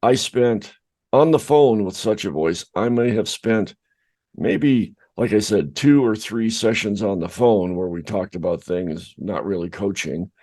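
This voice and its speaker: Middle-aged guy on a podcast, lowish voice, rambly and self-mocking. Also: measured pace, warm tone. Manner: rambling, self-deprecating storytelling. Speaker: podcast co-host. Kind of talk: casual podcast chat.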